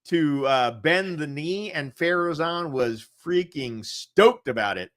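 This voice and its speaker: A man's voice: fairly high pitch, animated, slow pace, a bit bright. A man co-hosting a casual chat show, rambling and candid with lots of fillers, laughing often as he talks. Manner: laughs often while talking. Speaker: co-host.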